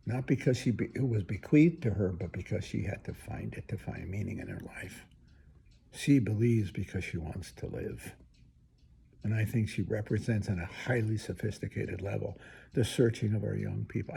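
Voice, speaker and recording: A man's voice: lowish voice, creaky, mellow, slight background noise. An older man, a priest, giving an earnest, emphatic spoken reflection in a conversational way with asides.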